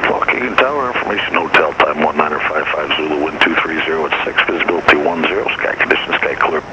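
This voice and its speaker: A man's voice on an automated airport weather broadcast heard over the aircraft radio, reading weather and runway information in a flat, steady way. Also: very deep voice, fast talker, lo-fi sound. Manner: flat, steady readout of numbers and codes. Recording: radio voice under loud cockpit engine noise.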